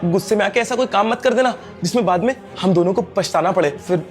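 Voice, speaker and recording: A man's voice: high voice, fast, soft background music, lightly acted. A man playing a poor young servant who earnestly pleads with his girlfriend not to leave him. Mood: pleading. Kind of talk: scripted skit acting.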